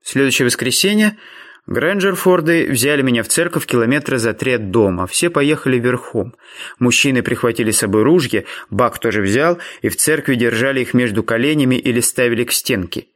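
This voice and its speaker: Male audiobook narrator, middle pitch, calm and even first-person storytelling. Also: fairly quick.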